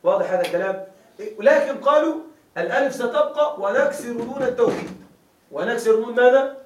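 High-voiced man teaching grammar. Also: lively intonation, fast, a little hiss or hum. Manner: asks the class often if they follow; repeats key words as questions for students to answer. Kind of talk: classroom lecture. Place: classroom. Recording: roomy classroom audio from a distant mic.

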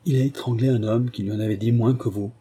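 A man's voice: mid-range voice, steady tone, fast, mellow, breathy edge, natural voice. A man reading the part of an anxious man urgently pleading with a friend. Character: anxious man pleading in a whisper-close aside.

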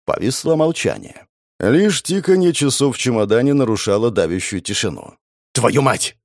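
Male audiobook narrator, tense and dramatic first-person reading, very expressive pitch. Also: moderate pace, no echo, studio quality. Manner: dramatic, tense, voices the lines with emotion.

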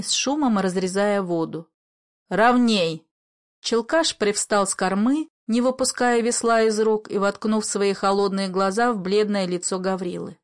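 A woman narrating a classic story aloud with measured, expressive storytelling. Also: medium pitch. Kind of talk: reading classic literature aloud.

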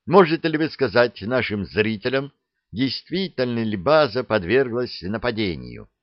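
A man voicing a pushy young female TV reporter asking brisk, probing questions. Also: medium pitch, big pitch swings, no room sound, lightly acted. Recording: dull dry recording.

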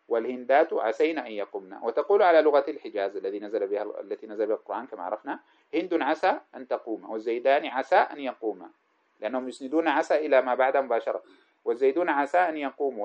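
Brief: male grammar teacher, quick delivery, quizzes his students rhetorically, slightly muffled lo-fi sound. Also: medium pitch, a little mellow. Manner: explains with frequent rhetorical questions to students; reads a text aloud, then comments on it. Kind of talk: classical Arabic grammar lesson.

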